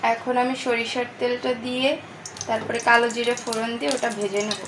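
A woman's voice: a little high, little pitch movement, normal speed, noisy background. A woman with a Bangladeshi Bengali accent explaining practical cooking steps for her family recipe at home. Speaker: family member sharing a recipe. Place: home kitchen. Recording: echoey kitchen with clattering pans. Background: clattering dishes and pots.

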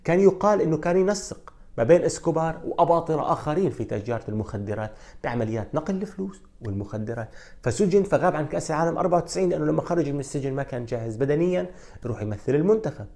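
A man with a Levantine Arabic accent hosting a football countdown video, telling the stories in a fast, animated way with frequent fillers. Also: a little high. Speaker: sports video host. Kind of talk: energetic football countdown commentary.

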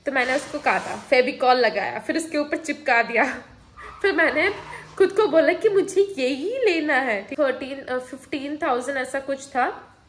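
High-pitched young woman rambling through her vlog, casual and chatty. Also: fairly bright tone, poor audio. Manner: chatty, mixes Hindi and English, jumps between topics. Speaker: vlogger.

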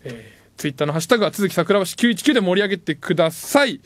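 A man hosting a late-night radio show, reading listener messages in playful, self-mocking banter and jumping suddenly into higher tones. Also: expressive, quick pace, no echo. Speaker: radio host. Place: radio studio. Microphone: studio microphone.

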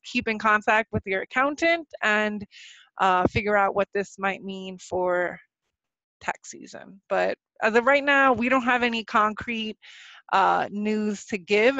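A young woman hosting a webinar Q&A, a little nervous and halting, with a slightly sick voice. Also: mid-range voice, fairly bright tone, no room sound. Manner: nervous, halting, many fillers and restarts. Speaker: webinar presenter. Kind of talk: live webinar presentation with Q&A. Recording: dull, lo-fi dry webinar audio.

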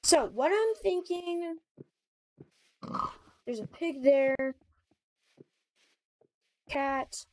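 Excitable high-voiced woman playing a game. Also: drawn-out words, pauses often. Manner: excitable, chatty, talks to her animals. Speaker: gamer. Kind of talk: casual gameplay commentary.

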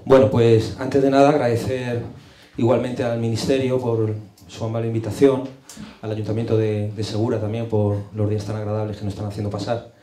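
A man's voice: mid-range voice, level tone, brisk, dark tone, roomy sound. A middle-aged man from Madrid giving a chatty, self-deprecating presentation at a rural culture forum into a handheld mic. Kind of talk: conference presentation. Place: meeting room, indoors.

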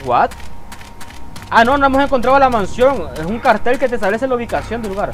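A man with a rather high voice narrates his horror game playthrough as live commentary. He is excitable and swears freely, calling out to his viewers as he plays. A faint hiss of noise sits under his voice. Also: fairly quick. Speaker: gaming YouTuber. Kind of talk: let's play commentary.

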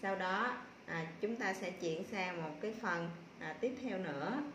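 A woman primary school teacher giving a slow spelling lesson to young children, patiently sounding out syllables one by one with filler pauses. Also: fairly low pitch, a bit bright, reverberant, slight background noise.

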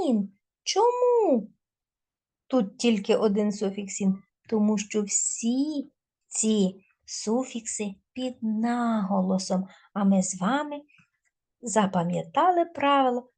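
A woman teacher giving a recorded video lesson to schoolchildren, dictating word lists slowly and clearly. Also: on the high side, darkish tone.

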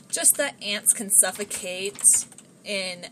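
A woman's voice: medium pitch, drawn-out words, sharp tone, a little hiss or hum. A woman giving casual commentary while she plays a game, chatting to her pets in the game. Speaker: gameplay streamer. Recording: music playing behind.

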